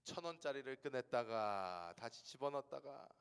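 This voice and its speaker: A man preaching a sermon as pastor. He tells stories, dropping to hushed asides and rising to loud, emphatic peaks. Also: mid-range voice, lively intonation, moderate pace, clean tone. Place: church sanctuary. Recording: long reverb of a large hall.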